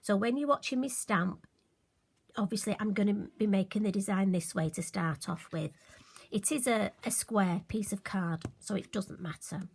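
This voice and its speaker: In a casual crafting tutorial, a friendly woman guides her viewers through making a card, poking fun at herself along the way. Her middle-pitched voice is slightly hoarse and turns croaky now and then.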